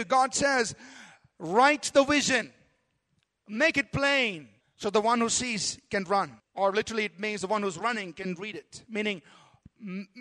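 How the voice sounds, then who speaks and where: A man's voice: very high-pitched, sharp tone. A middle-aged male pastor preaching a sermon in an emphatic style, often asking the congregation for an amen.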